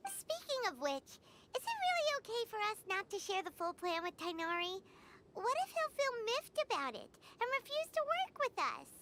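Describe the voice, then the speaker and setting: A woman voicing a playful, perky little companion character in a video game, chirpy and animated. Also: very high-pitched, moderate pace, background noise. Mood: chatty, concerned.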